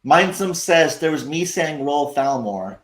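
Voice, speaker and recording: A slightly high-voiced man rants sarcastically on a livestream, cursing as he goes. He rambles, restarts his sentences and talks straight to his viewers. His voice rings around a roomy, echoing space. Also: expressive, unhurried. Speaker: livestream host. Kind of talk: casual livestream rant.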